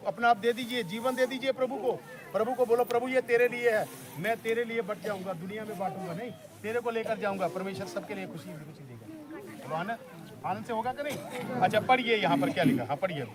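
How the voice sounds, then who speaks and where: High-voiced man preaching outdoors to a crowd. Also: brisk. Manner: exhorting, leads call-and-response with the crowd. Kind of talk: outdoor sermon at a church picnic. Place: outdoors by a river. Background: crowd of listeners.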